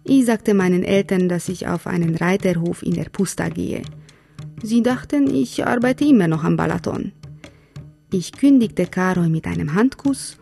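A woman's voice: fairly low pitch, lively intonation, moderate pace, vocal fry, dark tone, faint music behind. An actress playing a wry young Hungarian woman who narrates her life in a radio drama in clipped inner monologue. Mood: wry, restrained. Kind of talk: scripted first-person radio drama narration.

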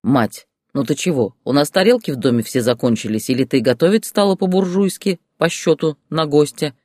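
A man voicing a stern, gruff older father-in-law in an audiobook story. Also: fairly high pitch, animated, a little fast, darkish tone, no room sound, studio quality. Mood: scolding. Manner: commanding, gruff.

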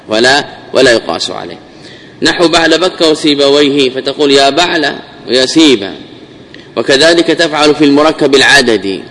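A sheikh teaches a lesson on classical Arabic grammar, repeating phrases and examples and posing questions he then answers himself. His voice drops low at the end of phrases, and the audio quality is poor.

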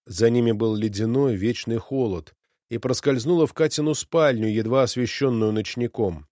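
A man reading a novel aloud in a measured, solemn narration. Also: medium pitch, dark tone, no echo, studio quality. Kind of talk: scripted audiobook narration.

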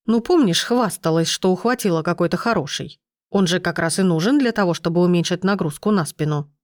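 A fussy, shrewd old grandmother who scolds and advises, as voiced by a woman narrator. The voice is fairly low and dry, close to the mic. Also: a little fast, dry recording, close to an everyday voice. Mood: bossy.

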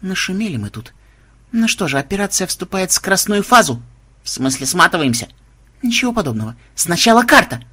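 Guy doing a sly bossy rogue girl from a storybook, short dry lines, kinda husky. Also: sits high, sing-song, a little fast, bright, forceful tone, no echo, voice pushed up, full character voice. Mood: brisk, commanding. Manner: curt, commanding, wry. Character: bossy, cunning young woman rogue, dry and commanding.

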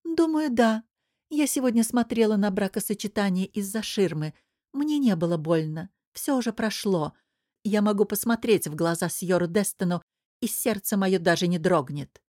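A woman's voice: medium pitch, lively intonation, a little mellow, dry recording, studio quality, natural voice. A woman voicing a young, deferential royal mistress. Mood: calm resolve. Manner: formal, deferential, measured.

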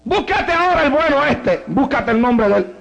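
A preacher voicing a stern, commanding God. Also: male voice, extremely high pitch, animated, normal speed, creaky, a bit bright, lo-fi sound, voice pushed up, full character voice. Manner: commanding, grave. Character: stern almighty male God judging a soul.

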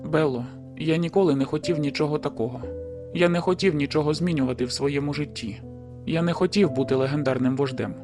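A man voicing a young male werewolf in an audiobook, speaking in a low-key, reluctant, matter-of-fact way. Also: fairly quick, music in the background, natural voice. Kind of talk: audiobook character voice.

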